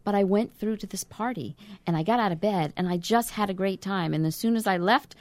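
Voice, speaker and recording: A woman's voice: mid-range voice, a little fast, no room sound. Woman with a New York accent, dry sound. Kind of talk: casual interview chat.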